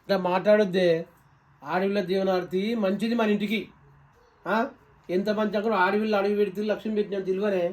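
Fast-talking high-voiced Telangana man. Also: little pitch movement, distant mic, a little hiss or hum. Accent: Telangana Telugu. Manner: scolding, insistent, rapid talk. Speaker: younger brother and husband in a family sketch. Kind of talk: scripted village comedy sketch.

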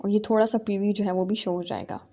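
Mellow-voiced woman explaining software steps. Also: medium pitch, fairly even intonation, fast. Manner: explains step by step with fillers. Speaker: tutorial host. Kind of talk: screen-recorded software tutorial.

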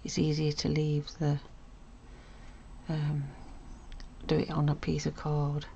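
A woman hosting a casual stitching tutorial, chatty and self-correcting, often dropping to a soft murmur as she works. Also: sits low, monotone, takes it slowly, gravelly, lo-fi sound, slight background noise. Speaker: sewing tutorial host.

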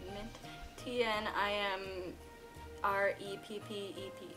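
A woman's voice: mid-range voice, flat delivery, slow pace, bright, forceful tone, faint music behind. A young woman guest in casual, teasing banter with her friend. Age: young adult. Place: indoors in a decorated room.

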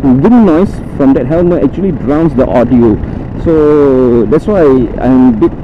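A man chats from inside his helmet as he rides, easygoing and full of fillers. The helmet mic sounds dull and muffled, and steady road and engine noise runs under his voice. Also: medium pitch, unhurried. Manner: chatty, loose, filler-heavy. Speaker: motovlogger reviewing a helmet. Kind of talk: casual chat while riding. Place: on a motorbike on the road, outdoors.

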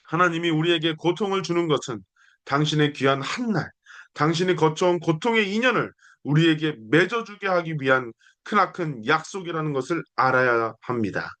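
A man's voice: fairly high pitch, moderate pace, a bit bright. A young man preaching a sermon, earnest and declamatory, building his points through repeated phrases. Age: young adult. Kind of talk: sermon with scripture reading.

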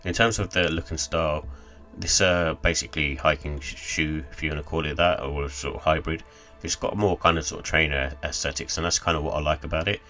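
A man's voice: very deep voice, fairly even intonation, fairly quick, hardly any pauses, bright, forceful tone, faint music behind. A man giving a casual, rambling sneaker review voice-over, full of fillers like "sort of" and "kind of".

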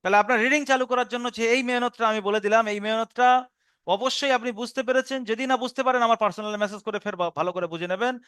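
A man teaching Quran reading with a Bengali accent, explaining each step patiently and spelling out syllables slowly. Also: extremely high pitch, steady tone, a bit bright, clean tone, no room sound, studio quality. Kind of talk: recorded online lesson.

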